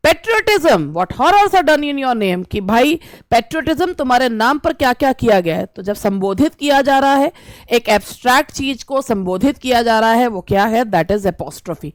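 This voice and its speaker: High-pitched woman teacher going through exam questions, reads them out slow. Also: lively intonation, dry recording. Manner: reads English questions slowly, explains in Hindi. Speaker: English literature teacher. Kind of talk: exam-prep lesson.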